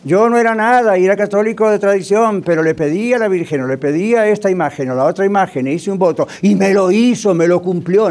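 In a high voice with a little mellowness, a pastor delivers his sermon like a conversation. Rhetorical questions aimed at the congregation come up again and again.

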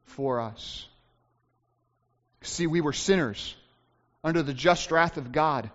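A man's voice: fairly high pitch, measured pace, fairly bright tone. A man preaching a sermon as pastor, emphatic and repeating his key phrases for weight. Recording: dull recording with long hall reverb.

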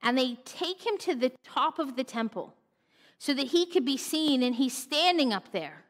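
A woman preaching a sermon, telling the story with animated expression and dropping to a hush for solemn points. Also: sits high, moderate pace. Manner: animated storytelling, acts out mocking voices, drops to a hush for solemn moments. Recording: long reverb of a church hall.

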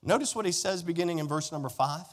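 With a fairly high-pitched voice and a fast pace, this man preaches as a pastor before a congregation. His emphatic delivery leans on folksy direct address and repeated phrases, and the large indoor hall adds long, reverberant echo.

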